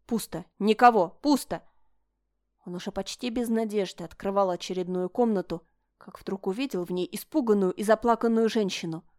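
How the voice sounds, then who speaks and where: Woman audiobook narrator, steady and expressive, mid-pitched. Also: normal speed. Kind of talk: scripted narration.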